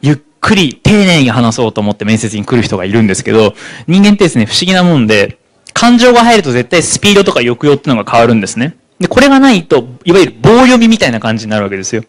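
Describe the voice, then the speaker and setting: A man giving a psychology seminar talk, speaking rapidly and slowing down for key points. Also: medium pitch. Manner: rapid, animated delivery that slows for key points. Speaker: lecturer on psychology.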